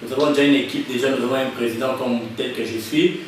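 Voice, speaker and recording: A man's voice: medium pitch, steady tone, fast talker. Young Congolese man, hesitant, echoey room. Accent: Congolese French. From Kinshasa, Congo. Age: young adult. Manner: hesitant, many restarts and fillers, mixes in Lingala. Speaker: guest, association president. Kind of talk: interview answers. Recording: very echoey room, far from the mic, light noise.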